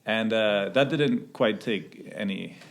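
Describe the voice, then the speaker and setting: A man, a missionary answering interview questions hesitantly with many pauses and restarts. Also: on the low side, creaky. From Sweden. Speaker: missionary pilot.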